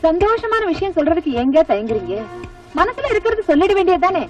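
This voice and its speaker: A scheming middle-aged stepmother, sly and domineering, her voice high and lively. She sounds distant on a film soundtrack with music behind her. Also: quick pace. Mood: smooth. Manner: sly, pointed rhetorical questions. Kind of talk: Tamil film dialogue.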